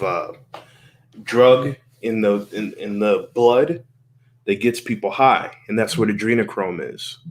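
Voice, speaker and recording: A man hosting a casual podcast chat, talking earnestly, repeating and restarting phrases and swearing freely. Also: fairly low pitch.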